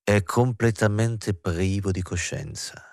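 A man's voice: fairly low pitch, slow, vocal fry, slight background noise. A man reading the part of a playful, girlish great actress with a teasing manner. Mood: rapt. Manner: teasing, coy, fluttering up and down.

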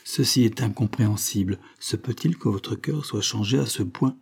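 A man's voice: lowish voice, normal speed, gravelly, darkish tone, husky. A man reading aloud, voicing an earnest young man pleading with the woman he loves in a storybook reading.

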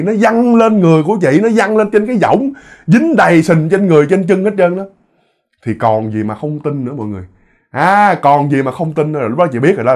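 A man tells a ghost story in a loose, chatty manner, talking straight to his listeners. His voice sits a little higher than most men's, and he repeats words for effect. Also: darkish tone. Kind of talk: casual spoken storytelling.

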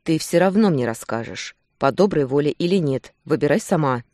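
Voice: medium pitch, lively intonation, moderate pace, a little mellow, no room sound, clean studio sound, close to an everyday voice. The reader voicing a possessive, hot-tempered male werewolf who presses and commands in a romance audiobook. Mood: demanding.

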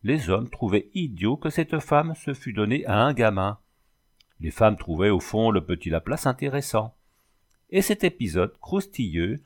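A man with a fairly low voice reads a classic story aloud. His narration is even and measured, steady from one sentence to the next. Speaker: audiobook reader. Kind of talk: scripted narration.

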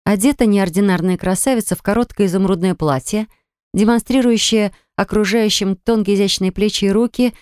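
A woman narrating an audiobook in an even storytelling manner. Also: mid-range voice, a little fast, smooth, no echo, clean studio sound. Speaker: audiobook reader.

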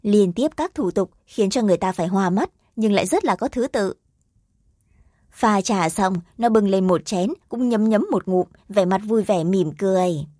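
A woman's voice: mid-range voice, normal speed, dark tone, dry recording, studio quality. Woman narrating a fantasy audiobook.

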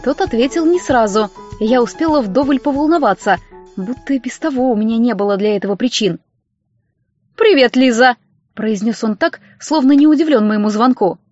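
Woman narrator, audiobook, expressive first-person reading, fairly high voice, dull lo-fi sound. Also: brisk, no room sound, faint music behind.

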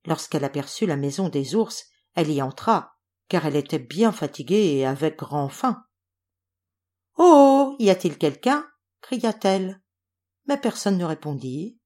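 A woman reading a fairy tale aloud as an audiobook, expressive storytelling. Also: sits low, moderate pace. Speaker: audiobook reader.

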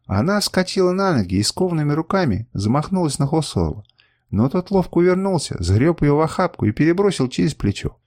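A male audiobook narrator reading a novel with dramatic, expressive delivery. His pitch moves a great deal. The recording is dry, with no room sound. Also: a little fast, no echo. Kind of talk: scripted narration.

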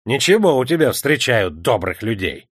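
A man's voice: fairly high pitch, lively intonation, normal speed, a bit bright, dry recording, studio quality, pitched above the performer's own voice. A man voicing a boastful male factory clerk who turns frightened and pleading. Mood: bitter. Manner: pleading, wailing.

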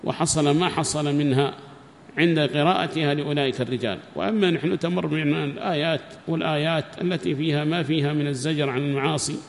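This religious teacher has a somewhat high, creaky voice and a quick pace, driving his lesson home emphatically through repetition and rhetorical questions. Faint background noise and a long reverb color the recording.

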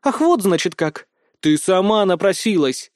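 A man voicing a small, feisty pigtailed female student who speaks in a shrill, heated way. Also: big pitch swings, a little slow, dry recording, studio quality. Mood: furious.

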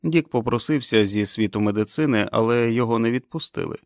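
A man reading an audiobook in a steady, even narration. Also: mid-range voice, brisk, no room sound, clean studio sound. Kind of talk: scripted narration.

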